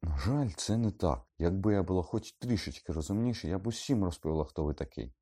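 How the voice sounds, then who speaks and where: A man's voice: lively intonation, fairly quick, mellow, slightly rough. A man voicing a clever teenage schoolgirl who shrieks in outrage, in an audiobook reading. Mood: subdued. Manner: shrill shrieking outbursts. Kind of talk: audiobook character voice.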